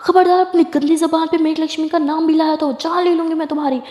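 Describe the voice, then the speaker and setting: A woman's voice: high-pitched, moderate pace, creaky. A woman voicing a fiercely protective, hot-tempered young college woman in an audio love story, threatening in one breath and coaxing in the next. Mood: furious. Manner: shouting threats, then coaxing softly. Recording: echoey hall reverb.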